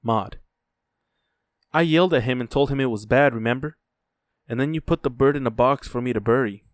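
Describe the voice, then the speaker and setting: A man voicing a restless, chatty eight-year-old girl in a high piping voice. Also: fairly quick, no room sound, clean studio sound, natural voice. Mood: anxious.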